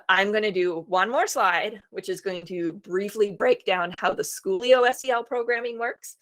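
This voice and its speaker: A homeschool program co-founder presents an informal instructional webinar, walking parents through a lesson in a relaxed, chatty, reassuring way. Her pitch is ordinary and middle, she fills pauses with frequent soft "um"s, and she sounds a little worn, as though starting to lose her voice.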